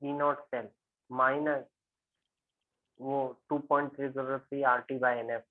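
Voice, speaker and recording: A man's voice: medium pitch, no room sound. A man from India teaching chemistry, working a problem step by step, often checking whether students follow. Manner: steady teacher tone, asking students quick check questions. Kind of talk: explaining a physical chemistry problem in a recorded lecture. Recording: tinny, phone-like, dry sound.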